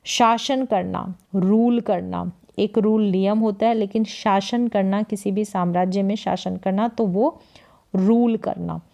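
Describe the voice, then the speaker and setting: Woman, English teacher, vocabulary lesson; slow, patient delivery, mellow tone, repeats every word. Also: mid-range voice, steady tone, vocal fry, lo-fi sound.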